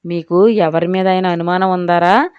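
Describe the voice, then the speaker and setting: A woman's voice: lowish voice, fairly even intonation, normal speed, smooth, no echo, dull audio, lightly acted. A woman voicing a stern but protective older brother who questions and comforts his sister.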